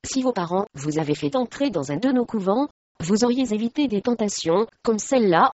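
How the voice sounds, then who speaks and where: Woman reading haughty monotone medieval abbess, storybook, dry muffled sound. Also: medium pitch, brisk, dry recording, natural voice.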